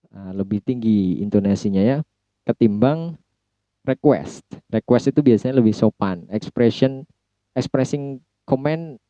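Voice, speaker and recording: A man with an Indonesian accent giving a recorded phonology lecture, pausing to say example sentences slowly and clearly. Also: medium pitch, dark tone, no room sound, highs cut off. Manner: mixes explanation with slow drawn-out example sentences.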